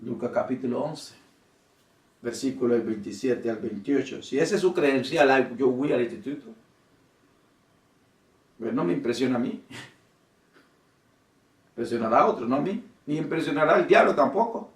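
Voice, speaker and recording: A man preaching a sermon and addressing the congregation as brothers and sisters, swinging between emphatic, rising swells and quiet drops. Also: medium pitch, lively intonation, moderate pace, pauses often, reverberant, far from the mic. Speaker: pastor.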